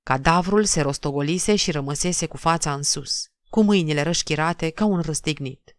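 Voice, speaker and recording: Woman narrator, lowish voice, dry close recording, measured dramatic literary reading. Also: dry recording. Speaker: audiobook narrator.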